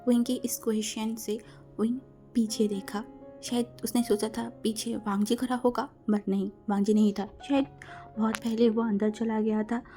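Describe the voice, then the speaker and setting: A woman's voice: on the high side, flat delivery, moderate pace, warm tone, faint music behind. A woman narrating a fan-fiction story in an emotional, dramatic way, often stammering and repeating words as she mixes in English.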